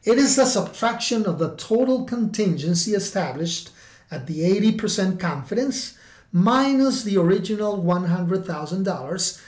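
A tutorial narrator with a mid-range voice gives scripted, step-by-step spreadsheet instructions. The delivery is measured, as if dictating item by item. The voice-over has a noticeable room echo. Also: mid-range voice, animated, darkish tone. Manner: dictating formulas slowly symbol by symbol, in measured fragments. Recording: roomy, echoing voice-over.

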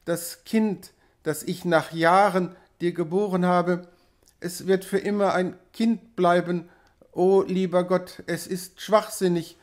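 A man reading an audiobook, voicing a grieving mother who speaks softly and sorrowfully. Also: high-pitched, steady tone, takes it slowly. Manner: soft and sorrowful. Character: grieving, quiet grown mother.

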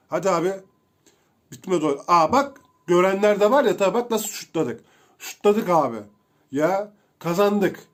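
A young man giving casual, excitable commentary while playing a video game, chatting to his viewers as he goes. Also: on the high side. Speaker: gameplay streamer.

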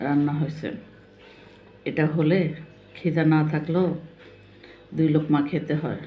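A woman's voice: low-pitched, mellow, a little hiss or hum, poor audio. An older woman chatting casually to viewers while eating, her mouth full at times. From Comilla, Bangladesh. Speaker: food vlogger. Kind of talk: casual chat to viewers over a meal.

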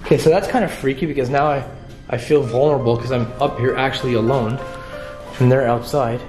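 A man's voice: medium pitch, fairly even intonation, brisk. A man in his thirties talking casually and nervously to a handheld camera as he explores, exclaiming and reacting aloud to what he finds. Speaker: vlogger exploring a haunted jail. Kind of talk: casual first-person exploration vlog. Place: empty old jail cells and corridors, indoors. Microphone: handheld camera at arm's length. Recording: echoey bare rooms with music underneath. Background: music.

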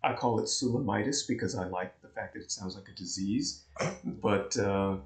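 Explaining astrology charts in casual conversation, a male co-host speaks in a low voice at a moderate pace with fairly even intonation. He laughs easily throughout. The audio comes from a warm, echoey indoor room.

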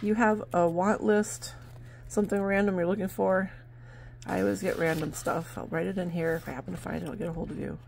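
Chatty woman with a gravelly voice. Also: lowish voice, level tone, fairly quick, darkish tone, a little hiss or hum. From New Hampshire, USA. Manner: chatty and rambling, with many fillers. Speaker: vlogger and barn sale seller. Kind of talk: casual chat to camera. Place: at home, indoors at a table.

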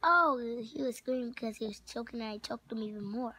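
A child performing an improvised plush puppet comedy skit, rambling and excited. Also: female voice, on the high side, brisk. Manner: rambling, excited, sometimes shrieking.

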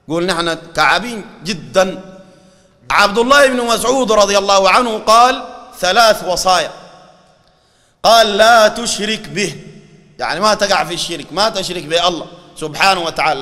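A Sudanese-accented man preaches in a lively, mocking way and quotes scripture often. His voice is high and bright and he talks fast. The sound carries a long hall reverb. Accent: Sudanese Arabic. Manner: animated and mocking, quoting scripture. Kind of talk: colloquial sermon.

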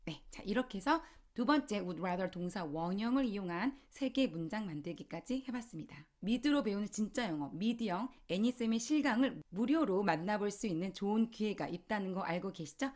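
Lady teaching english, chatty explanations then slow careful repeat-after-me lines. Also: medium pitch, animated, a little mellow. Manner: explains in Korean, reads English lines slowly for repetition. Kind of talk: Korean-language English lesson with drills.

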